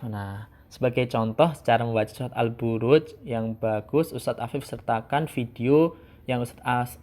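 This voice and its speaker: A young man teaching Quran recitation in a casual lesson, slowly repeating sounds to demonstrate them. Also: medium pitch, creaky, darkish tone, a little hiss or hum.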